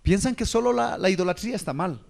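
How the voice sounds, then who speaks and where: High-voiced preacher, questioning. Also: male voice, lively intonation, fast talker, vocal fry, darkish tone. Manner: preaching with rhetorical questions and a repeated "¿ya?" check-in. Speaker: pastor. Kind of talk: sermon.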